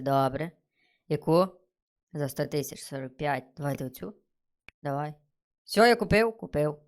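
An excitable man talks his way through a game. His commentary is casual and chatty, and he thinks out loud about each move as he goes. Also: a little high. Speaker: gaming streamer.

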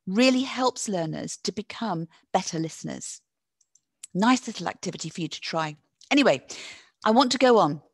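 Lively woman leading a teacher webinar. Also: mid-range voice, no room sound. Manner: encouraging, reads chat answers aloud and praises them; lively teacherly delivery with drawn-out stressed words. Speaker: teacher trainer presenting a webinar. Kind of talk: live online teacher-training webinar.

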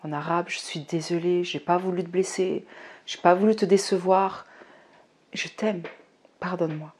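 Brief: young woman, low-pitched, emotional testimony, drops to a hush then rises fervently. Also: fairly even intonation, normal speed, husky. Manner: emotional, swinging between hushed and fervent. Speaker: person giving a faith testimony. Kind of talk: personal testimony.

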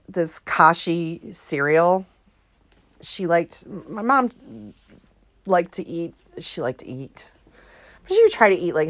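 A woman's voice: deep voice, fairly bright tone. Giggly rambling woman vlogger. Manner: rambling, giggly, self-mocking. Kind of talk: casual chat, reading out messages.

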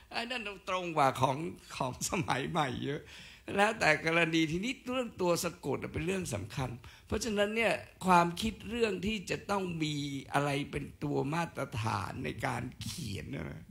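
A man's voice: on the high side, vocal fry, a bit bright. An older man giving a special lecture in a casual, digressive way with joking asides.

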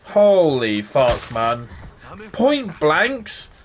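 Excitable gamer, sweary outbursts. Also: male voice, a little high, drawn-out words. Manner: frustrated, swearing, loud outbursts. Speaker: gaming YouTuber. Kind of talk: gameplay commentary. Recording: game noise behind voice.

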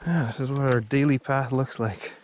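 A man narrating casually while hiking a forest trail outdoors, relaxed and chatty, a little out of breath from climbing, recorded on a handheld camera mic. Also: medium pitch, a little hiss or hum. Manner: relaxed, chatty, pauses between short remarks. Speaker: hiking vlogger.

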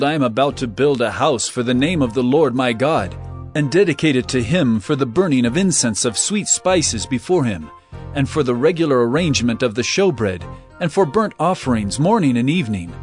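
Man playing animated, devout King Solomon. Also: medium pitch, natural voice. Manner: declamatory, reverent, stately. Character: King Solomon, earnest, devout, regal young ruler. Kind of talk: dramatized scripture reading.

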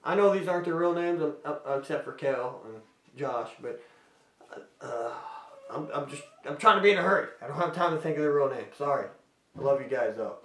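A man's voice: a little high, animated, brisk, a bit bright, distant mic. A man answering fan questions in a casual, rambling way, often breaking off mid-sentence. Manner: rambling, self-interrupting, friendly. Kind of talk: casual Q&A vlog. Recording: roomy and off-mic.

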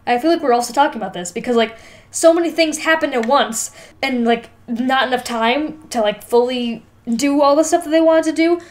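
Her voice sits high and runs a little fast as this young podcast co-host chats about a film. The conversation is casual, emphatic and full of swearing and filler "like."

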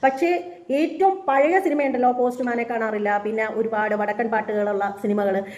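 A woman's voice: a little high, steady tone, moderate pace, darkish tone. A woman hosting a reaction channel, delivering an indignant, scornful opinion rant with repeated points and many fillers.

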